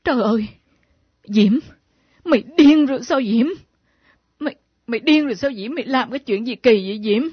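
A woman's voice: on the high side, rapid-fire, few pauses, husky, dry recording. An actress voicing the ghost of a betrayed mother who scolds and exclaims in a radio drama. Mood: indignant. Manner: exclaiming, scolding, at times whispered asides. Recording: dull lo-fi old radio recording.

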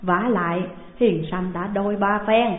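A woman's voice: medium pitch, fairly even intonation, measured pace, natural voice. A woman voicing a frail old royal mother sobbing out a lament over her dead son, on a tinny, echoing recording. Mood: tearful. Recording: tinny phone-like sound, long hall echo.

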